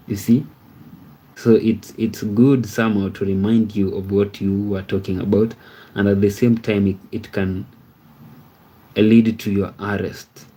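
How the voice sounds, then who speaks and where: This thirties-aged livestream host chats loosely with his viewers over their comments, circling back on his points and tossing in "you see?". He speaks with a fairly low, dark, husky voice, captured in poor audio.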